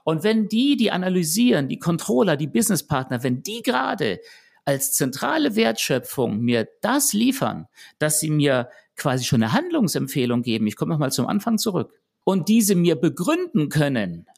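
A man co-hosting a podcast, talking in a relaxed conversational way and telling anecdotes full of rhetorical questions. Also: fairly high pitch, normal speed, creaky. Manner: animated, storytelling with rhetorical questions. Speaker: podcast co-host.

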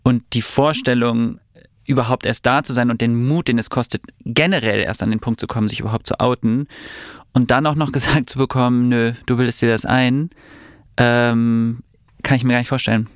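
A man's voice: medium pitch, steady tone, a little fast, no echo. Male podcast host, dry close sound. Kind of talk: casual conversational interview.

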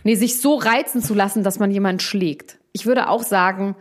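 A young woman hosting a podcast, casually retelling a story with lively, slang-heavy chat and casual swearing. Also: medium pitch, normal speed. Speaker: podcast host.

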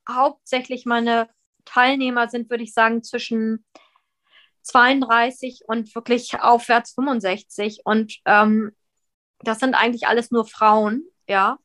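A woman's voice: fairly high pitch, level tone, measured pace, a bit bright. Chatty woman guest on a video call. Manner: chatty, many restarts and fillers. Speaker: guest, flower school founder. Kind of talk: interview over video call.

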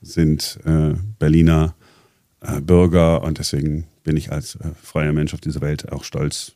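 A man's voice: very deep voice, completely flat delivery, measured pace, mellow, dry recording, clean studio sound. A man presenting on a talk show in casual chat, explaining at length with many hesitations and restarts. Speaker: radio presenter.

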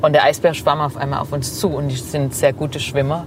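A woman's voice: deep voice, noisy background. A woman from Swabia, a travel blogger telling stories in a casual interview with lots of fillers. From Swabia, Germany. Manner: lively storytelling, many fillers and quick agreement. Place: passenger seat of a moving car.

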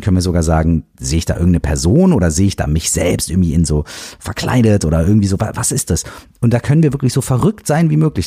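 Deep husky man hosting a podcast. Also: no room sound, clean studio sound. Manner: animated, emphatic, casually swears. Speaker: podcast host. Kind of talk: casual self-help podcast talk.

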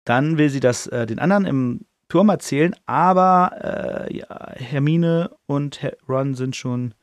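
A man's voice: a little high, a little slow, no echo. A man hosting a podcast, retelling a book chapter casually in a chatty, slangy way with some swearing. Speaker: podcast host.

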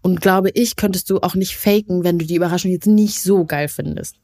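A young woman co-hosting a relaxed bedtime chat, telling stories with a lot of laughter. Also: lowish voice, a little fast. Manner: chatty, laughs at her own jokes. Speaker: podcast co-host.

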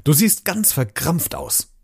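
A man's voice: a little high, very animated, takes it slowly, creaky, slightly rough, voice pushed up, heavily acted. A man voicing Nick, a meddling male animal neighbour in a children's storybook reading.

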